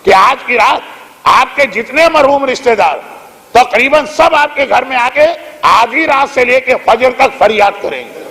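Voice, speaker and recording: A man's voice: very high voice, lively intonation, bright, forceful tone. A male preacher delivering a religious sermon, telling a moral story in an exhortative manner at a gathering. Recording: echoey hall reverb.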